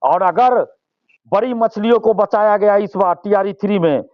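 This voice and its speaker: A man's voice: high-pitched, normal speed, no room sound, dull audio. A male student leader, giving impassioned interview answers and repeating phrases for force.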